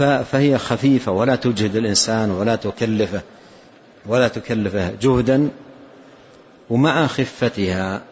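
A man's voice: mid-range voice, darkish tone. An older man with a Saudi accent giving an Islamic religious lesson, explaining a text and often repeating his key phrases for emphasis. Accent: Saudi Arabian. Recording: dull lo-fi lecture recording.

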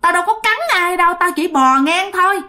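A woman's voice: extremely high pitch, animated, fairly quick, pushed and bright, voice pushed up, heavily acted. A woman with a Southern Vietnamese accent voicing a vengeful snake spirit that has possessed a young man, insisting shrilly that it did nothing wrong.

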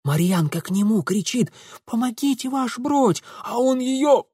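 A man's voice: very high-pitched, animated, mellow, husky, no room sound, clean studio sound, pitched above the performer's own voice, full character voice. A man voicing a frightened, tearful young factory girl who rattles off her words in a whiny rustic way. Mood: excited. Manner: rapid, whiny, dialect-tinged speech.

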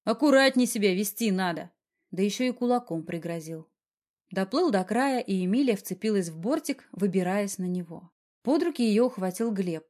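A woman narrating a novel in an even storytelling manner. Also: medium pitch. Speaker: audiobook narrator. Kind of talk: scripted narration.

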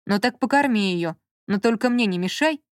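Женщина в аудиокниге читает реплики ворчливого раздражённого мужчины, занятого делом. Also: female voice, mid-range voice, animated, normal speed, dry recording, clean studio sound, close to an everyday voice. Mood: irritated. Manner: grumbling, irritable, muttering. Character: grumpy man absorbed in work, snappish. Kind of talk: audiobook character reading.

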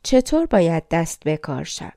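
A woman's voice: lowish voice, very animated, vocal fry, dark tone, dry recording, clean studio sound. A woman voicing a brave young prince in a storybook reading, speaking firmly. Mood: determined.

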